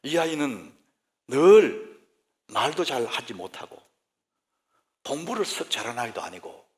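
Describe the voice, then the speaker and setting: A man, the senior pastor, preaching a sermon in a church sanctuary, swinging between loud exclamations and hushed whispers. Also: mid-range voice, big pitch swings, measured pace.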